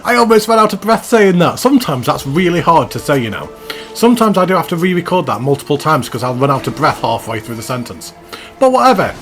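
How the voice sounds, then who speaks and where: A man's voice: fairly high pitch, sing-song, fast talker, fairly bright tone, poor audio. A man hosting a gaming channel, giving a chatty, self-mocking commentary voice-over and laughing at himself. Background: background music.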